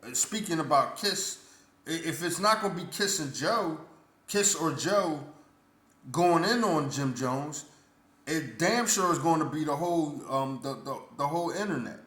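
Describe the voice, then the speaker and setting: A man's voice: on the high side, lively intonation, unhurried, a bit bright. A man vlogging his blunt, indignant opinion in casual speech full of stammered restarts. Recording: roomy echo.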